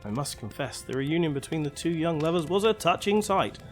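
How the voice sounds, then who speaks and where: A man playing a fussy English doctor sidekick, highish voice. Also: animated, brisk, faint music behind, lightly acted. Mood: warm storytelling. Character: fussy, genial older male doctor, easily astonished sidekick. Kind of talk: 1940s radio acting.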